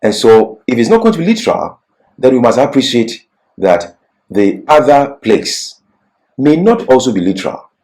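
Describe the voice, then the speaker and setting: A man presents a scripted Bible lecture, reading prepared points and emphatically explaining them with asides while repeating key phrases. His medium-pitched voice is very animated and a little mellow, at normal speed, and the recording is low quality.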